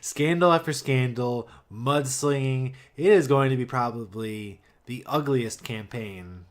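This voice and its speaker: A man co-hosting a casual political podcast. His voice sits at an everyday middle pitch. He talks in a wry, teasing way and often hedges his points. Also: a little slow. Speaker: podcast co-host.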